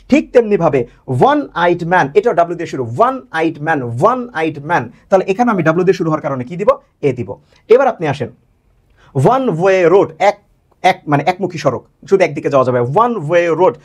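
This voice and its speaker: A man teaching English grammar with a Bangladeshi Bengali accent and a husky voice. He talks quickly with a lively, rising and falling pitch in a fairly high register. He asks the viewer questions, answers them himself, and drags out example words to show how they are pronounced. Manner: repeats words slowly to show pronunciation. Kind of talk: grammar lesson video.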